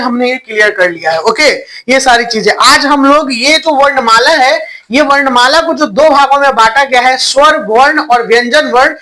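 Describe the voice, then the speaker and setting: A man's voice: extremely high pitch, sharp tone, rough recording. A man teaching a Hindi grammar class online. He asks the students questions, answers them himself, repeats key points and mixes in English words. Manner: stretches vowels while demonstrating sounds.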